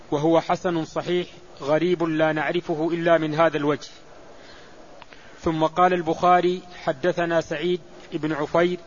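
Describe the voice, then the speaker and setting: A man reading a classical religious text aloud to his teacher, reciting narrator chains in a steady, formal way. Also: fairly high pitch. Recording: muffled lo-fi recording with faint hiss.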